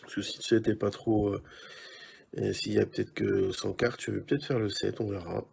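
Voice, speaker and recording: A man's voice: fairly low pitch, moderate pace, vocal fry, darkish tone, husky. A man giving casual, chatty commentary while opening trading card packs, musing aloud with many hesitations.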